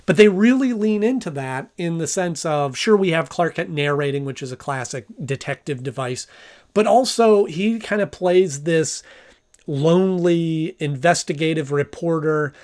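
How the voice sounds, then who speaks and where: A man with a slightly high voice talks through a review in an informal way. He recaps and comments like someone chatting casually. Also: expressive, moderate pace, a little mellow.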